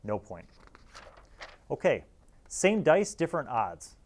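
Reviewing old gaming magazines, a male host in his forties gives casual, wry commentary to the camera in a small studio, wearing a lapel mic. His medium-pitched voice is very animated but slow, with a little hiss or hum.

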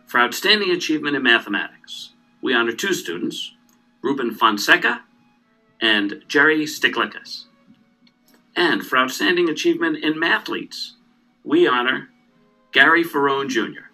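A man's voice: medium pitch, lively intonation, normal speed, sharp tone, faint music behind, rough recording. A middle-aged man, a math department chair, formally presenting school awards while reading from papers. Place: indoor room, standing.

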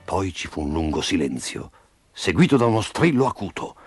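A man reading a children's story aloud in an expressive, dramatic way, dropping low and soft for suspense. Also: normal speed, faint music behind.

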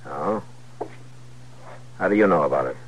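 An actor playing a steady, skeptical American frontier marshal, terse and authoritative, in a 1950s radio western. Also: male voice, rumbling low, normal speed. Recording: muffled, noisy 1950s radio recording.

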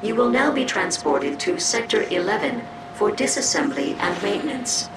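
A woman voicing a calm, formal female station computer that announces orders in a video game. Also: medium pitch, normal speed, vocal fry, background noise. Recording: roomy distant voice over loud game music.

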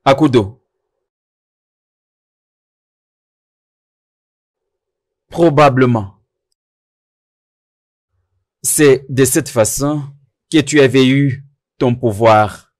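A man dubbing a French film, playing a doting husband who fusses over his wife and keeps apologizing and urging her to go slowly. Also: mid-range voice, expressive, natural voice. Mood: tender. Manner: fussing, repeating apologies and "slowly". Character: doting husband, fussy and attentive.

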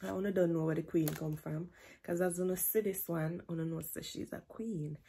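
Brisk and fairly low-pitched, with vocal fry and a touch of hiss or hum, this Jamaican vlogger in her twenties fields questions playfully from her bedroom. She's relaxed, her accent easing into patois, filmed on a close camera.

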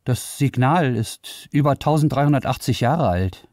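A man's voice: mid-range voice, lively intonation, moderate pace, darkish tone, no room sound, studio quality, voice pushed up, close to an everyday voice. A man voicing a bewildered male IT researcher who gives commands and gets flustered.

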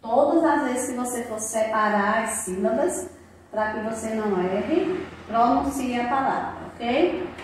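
A woman teacher, recording a lesson for young children and sounding out each syllable slowly and clearly. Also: on the high side, a little hiss or hum. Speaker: primary school teacher. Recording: very echoey room, voice from a distance.

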